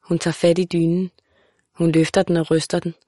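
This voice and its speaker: A woman narrating a literary audiobook in a calm, measured, even way. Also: fairly low pitch, no room sound, studio quality.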